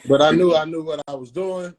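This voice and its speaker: A man, telling stories casually in a slangy, animated way. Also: fairly high pitch, fairly quick. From Peoria, Illinois, USA. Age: 50s. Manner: animated retelling with acted-out dialogue, slangy. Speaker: barber telling his story. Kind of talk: casual storytelling in an interview.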